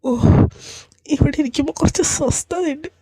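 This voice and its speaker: A woman's voice: high-pitched, moderate pace, dark tone, lightly acted. A woman voicing a hurt teenage son in an amateur fan drama, pleading and tearful.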